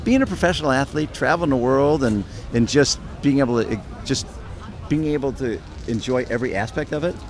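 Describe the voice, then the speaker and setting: A man's voice: mid-range voice, expressive, fairly quick. A middle-aged man hosting an interview, enthusiastic and rambling, often acting out imagined thoughts. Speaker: interview host. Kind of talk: casual interview. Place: outdoor race expo with crowd. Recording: outdoor crowd noise behind. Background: crowd chatter.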